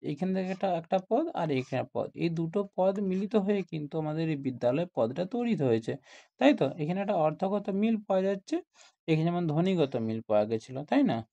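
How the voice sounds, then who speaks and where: A man's voice: fairly high pitch, sing-song, fast talker, gravelly, warm tone, highs cut off. A man teaching a grammar lesson to school students, explaining step by step and often asking questions like "isn't it?".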